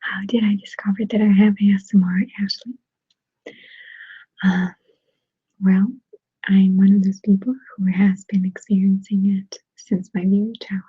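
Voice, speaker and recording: A woman chatting to viewers in a soft, unhurried whispered ASMR style. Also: mid-range voice, little pitch movement, slightly rough, no room sound. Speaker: ASMR creator. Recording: dry tinny phone-like sound.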